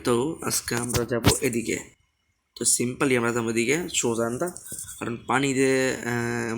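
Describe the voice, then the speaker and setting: A man hosting a casual gaming channel, chatty and repetitive, keeping his voice low on purpose. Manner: chatty, repetitive, keeps asking viewers to subscribe; talks softly on purpose. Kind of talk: casual gameplay commentary.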